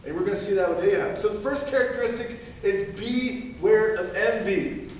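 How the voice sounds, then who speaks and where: Animated preacher in an echoey sanctuary. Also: male voice, high-pitched, moderate pace, a little hiss or hum. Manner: animated, acts out quotes in funny voices, laughs often. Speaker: pastor. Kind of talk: sermon. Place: church sanctuary. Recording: very echoey church sanctuary from far off.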